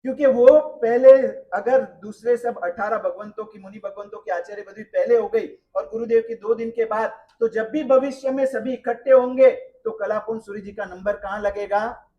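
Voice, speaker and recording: A man telling stories in a sermon at a memorial gathering. He asks the listeners rhetorical questions and swings between loud and soft delivery. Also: sits high, normal speed, dull audio. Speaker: religious speaker at a memorial gathering. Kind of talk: sermon storytelling.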